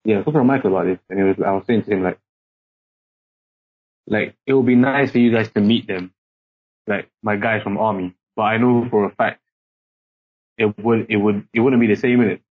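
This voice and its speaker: Speaking a little fast but pausing often, a young man raised in Singapore chats as a podcast guest in a British accent that code-switches from Singaporean. His lowish voice holds a steady tone while he rambles and fills gaps with filler words. The audio is muffled and lo-fi.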